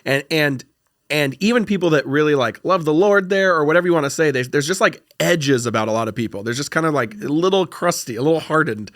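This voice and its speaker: A man's voice: fairly high pitch, lively intonation, fast, a bit bright, no room sound. A man co-hosting a faith podcast, talking casually and rambling through restarted sentences on a close mic. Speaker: podcast co-host.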